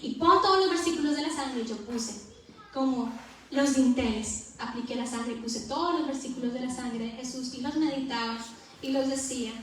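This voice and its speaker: A woman preaching a personal testimony in a church, fervent and rising to loud exhortation. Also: sits high, normal speed, a little hiss or hum. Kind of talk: impassioned sermon testimony. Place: church sanctuary. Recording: very echoey hall, distant mic.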